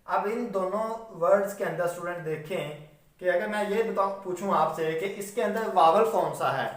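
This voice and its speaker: A man teaches shorthand in a patient, repetitive classroom manner, often stopping to check that students follow and spelling words out slowly. His voice sits fairly high for a man. He sounds set back from the mic in a strongly echoing room. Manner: patient, repetitive explaining, frequent "theek hai" checks. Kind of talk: classroom lecture. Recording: very echoey room, voice from a distance.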